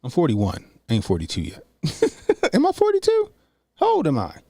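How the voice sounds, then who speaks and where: A reaction streamer in his early forties chats loosely and profanely, thinking aloud while he sets up a video to react to. His voice is on the high side and mellow, with huge pitch swings, vocal fry and normal speed. The recording is dry.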